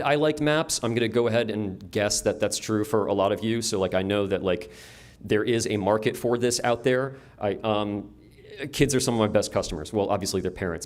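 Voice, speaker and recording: A man's voice: on the low side, a little mellow. Wry, casual man giving a talk. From upstate New York. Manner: casual and wry, many ums and restarts. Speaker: map store owner giving a conference talk. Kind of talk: conference presentation. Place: conference room before an audience.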